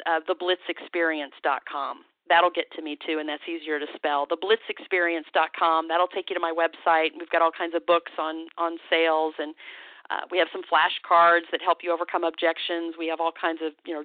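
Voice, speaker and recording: A woman guest coaching on sales calls, talking with confidence and acting out the lines she teaches. Her voice sits a little low and comes over a narrow, tinny phone line with no room sound. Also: no room sound. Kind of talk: phone interview.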